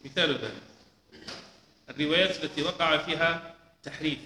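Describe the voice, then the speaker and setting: A man teaching a lesson, explaining slowly and deliberately, repeating key points. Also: fairly high pitch, sharp tone, slight background noise. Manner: slow, deliberate explaining with repetitions. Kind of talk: lecture on hadith transmission. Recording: echoey hall with long reverb.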